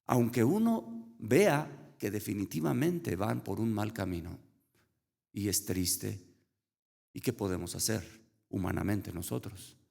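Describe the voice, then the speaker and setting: A man preaches slowly and earnestly, his voice heavily gravelly. He carries the sermon with storytelling and rhetorical questions, in a mid-range pitch. The hall around him rings with a long reverb. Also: expressive, a little mellow. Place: church hall.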